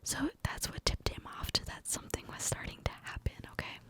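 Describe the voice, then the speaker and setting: Young woman in a cupped-hand whisper. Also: a little fast. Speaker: ASMR storyteller. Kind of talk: whispered ASMR personal storytime ramble. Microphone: close to the mic, mouth cupped by hand.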